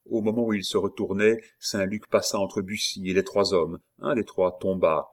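A man reading a classic novel aloud as an audiobook narrator, steady and measured. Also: low-pitched.

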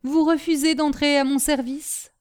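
A woman voicing a haughty, quick-tempered older lady who talks in an imperious, scolding way. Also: high voice, steady tone, darkish tone, pitched above the performer's own voice, lightly acted.

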